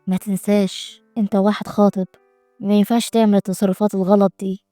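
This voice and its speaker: A woman's voice: medium pitch, flat delivery, quick pace, dark tone, no echo, soft background music, voice pushed down, natural voice. A woman with an Egyptian Arabic accent voicing a stern, angry old grandfather who scolds the family. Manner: scolding, blustering.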